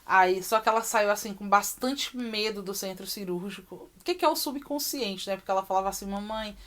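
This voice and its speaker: A woman, a mother telling the story of her daughter's surgery in a personal vlog, emotional and repeating herself with many pauses. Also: mid-range voice.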